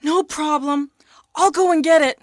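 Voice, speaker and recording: An actress playing an earnest young heroine in an old video game, with stilted, amateurish bad acting. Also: female voice, high-pitched, steady tone, measured pace, no echo, studio quality. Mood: concerned.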